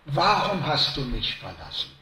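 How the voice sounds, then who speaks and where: A man preaching a sermon to a congregation, slow and emphatic, rising to loud stresses and dropping to hushed lines. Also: mid-range voice, wildly swooping pitch, reverberant.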